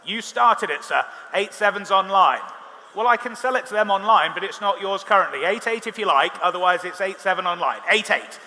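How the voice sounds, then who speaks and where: A British man working as an auctioneer, calling live bids quickly with wry, bantering asides to bidders. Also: sits high, animated, bright, forceful tone. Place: large reverberant auction hall. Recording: reverberant hall, amplified, faint background noise.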